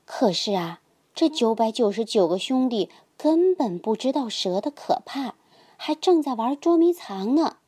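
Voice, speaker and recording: A woman reads a bedtime story for small children, slowly and gently, in a sing-song lilt. Her voice sits a little high and is recorded close on a dry mic. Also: lively intonation, husky, no echo.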